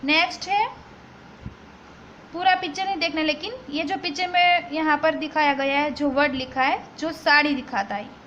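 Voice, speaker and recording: A woman's voice: sits high, steady tone, normal speed, fairly bright tone. A woman teacher, patiently explaining vocabulary and spelling words out letter by letter. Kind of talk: classroom vocabulary lesson. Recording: slightly dull lo-fi recording with faint background noise.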